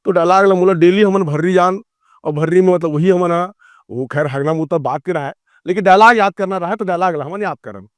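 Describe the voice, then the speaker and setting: A middle-aged filmmaker and theatre actor with a Chhattisgarhi accent tells stories in a casual interview, his high-pitched voice fairly quick. He rambles animatedly and acts out the lines he quotes. There's no room sound.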